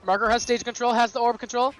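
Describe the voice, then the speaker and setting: A man doing esports play-by-play commentary as a caster, with an excitable, exclamatory delivery. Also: very high-pitched, quick pace. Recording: music behind the voice.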